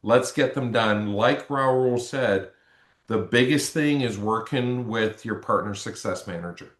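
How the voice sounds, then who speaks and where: A man's voice: mid-range voice, measured pace. Rallying Canadian man in a roomy room. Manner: upbeat, rallying, short exhortations. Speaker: webinar co-presenter, sales executive. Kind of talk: motivational webinar wrap-up.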